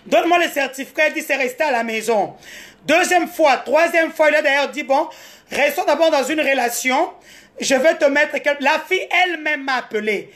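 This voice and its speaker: A woman from Congo with a Congolese French accent tells a story on a casual live stream, lively and switching between French and Lingala, speaking into a phone. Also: high-pitched, normal speed.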